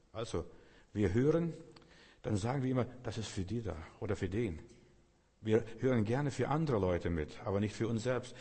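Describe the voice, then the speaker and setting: A preacher speaks straight to his listener in an earnest, direct sermon. His voice is low, husky and dark, ringing out with a long reverb.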